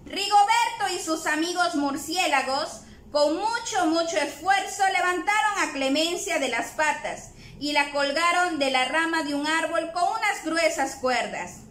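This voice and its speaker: Woman teacher, storybook read-aloud for kids, animated, high voice, echoey room with faint hum. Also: measured pace, hardly any pauses. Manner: animated, addressing children.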